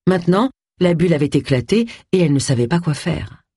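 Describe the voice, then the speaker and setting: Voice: medium pitch, fairly quick, husky, no echo, studio quality. An audiobook narrator reading a novel aloud in a scripted narration style, changing the voice for each character. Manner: expressive, shifts voice for each character.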